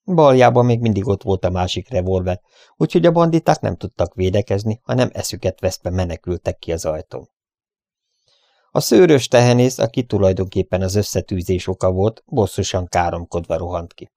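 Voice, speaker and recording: A man reads an adventure novel aloud in an even, storytelling way. His voice sits low, and the recording is dry and close with no room sound. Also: no echo. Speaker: audiobook narrator. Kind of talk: scripted narration.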